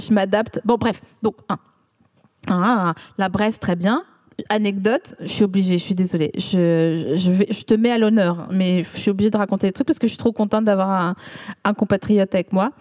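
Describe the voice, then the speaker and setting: A woman's voice: medium pitch, moderate pace, a little mellow. A woman from the Vosges with a Vosges accent, hosting a podcast in a loose, teasing and rambling way. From Vosges, France. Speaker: podcast host. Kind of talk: casual chat.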